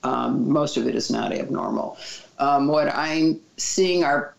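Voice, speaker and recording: A woman answering interview questions as a child mental health expert, giving calm, reassuring advice. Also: extremely low pitch, slow, vocal fry. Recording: dull, echoey room sound.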